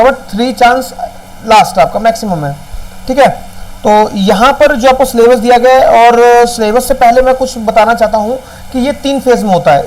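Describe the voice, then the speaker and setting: A man's voice: high-pitched, darkish tone, a little hiss or hum, poor audio. A man coaching exam candidates in a casual step-by-step tutorial, often checking in with the viewer. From India. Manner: talks directly to viewers, explains step by step, checks in with "ठीक है?".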